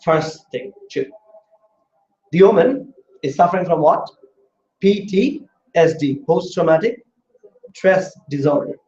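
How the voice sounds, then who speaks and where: A man's voice: on the high side, animated, a little slow, pauses often, a little mellow. A man teaching a law class in a classroom, explaining step by step and questioning his students. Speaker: law tutor. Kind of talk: classroom lecture. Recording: roomy, dull lo-fi classroom audio.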